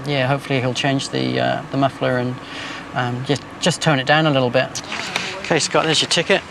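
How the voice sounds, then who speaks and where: A man with a New Zealand accent, a police officer talking casually and matily outdoors amid street noise. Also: mid-range voice. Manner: matey, plain-spoken. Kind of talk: casual, unscripted on-the-job talk. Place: on patrol outdoors and by car. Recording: noisy outdoor street and vehicle sound.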